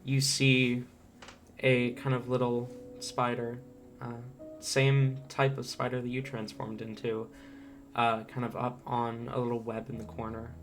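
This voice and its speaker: A game master improvising narration for a tabletop role-playing game, halting and thinking aloud. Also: medium pitch, completely flat delivery. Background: faint guitar music.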